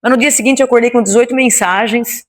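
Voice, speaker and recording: A woman's voice: fairly high pitch, fast. Woman in an interview rattling through her story, acts out every line of dialogue. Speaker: interview guest, founder of a women's Bible study.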